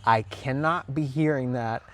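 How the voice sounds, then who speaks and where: A man's voice: mid-range voice, unhurried, close to an everyday voice. A man mimicking a stern female choir teacher. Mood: scolding. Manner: scolding, demanding. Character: exasperated female school choir teacher, strict.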